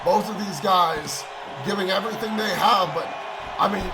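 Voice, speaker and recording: Male wrestling commentator, very high voice, yells at big spots, loud crowd and music under him. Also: normal speed. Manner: erupts into shouts at big moves. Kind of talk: excited play-by-play commentary. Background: crowd noise and music.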